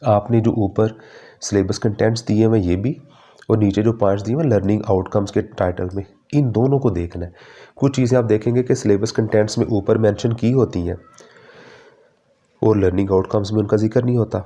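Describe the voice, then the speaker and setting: Low, mellow-voiced male chemistry teacher. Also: steady tone. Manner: fatherly, calls students "beta", mixes English terms; slows to read English syllabus lines. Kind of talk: exam-prep syllabus lecture.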